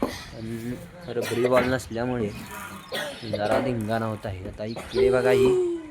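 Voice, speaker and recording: A man gives excited running commentary on a game of rooftop cricket for his vlog, calling out to the kids and to his viewers. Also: medium pitch, takes it slowly, over a noisy crowd. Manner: lively, calls out to kids and viewers. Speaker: vlogger. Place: outdoor rooftop terrace.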